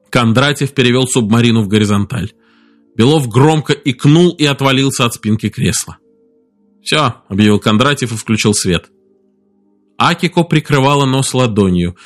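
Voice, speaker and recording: A man narrating an audiobook in a steady, measured storytelling voice. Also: mid-range voice, soft background music.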